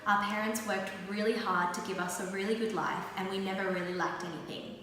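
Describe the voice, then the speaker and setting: A young woman from Australia giving a scripted voice-over in an even, earnest read. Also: mid-range voice, fairly quick. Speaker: founder's daughter. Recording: long hall reverb with music.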